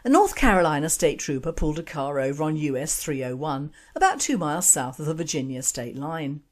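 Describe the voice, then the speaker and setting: Brief: woman radio host, lower-pitched, reads script in a steady, deliberate way. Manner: measured, deliberate reading. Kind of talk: scripted radio commentary and jokes.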